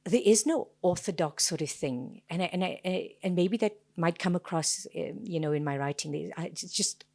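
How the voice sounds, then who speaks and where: A woman with a Durban Indian South African accent, chatting casually and anecdotally as an interviewed author, animated, jokey and self-deprecating. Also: lowish voice, normal speed, gravelly, hardly any pauses. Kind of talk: casual anecdotal chat at a book event.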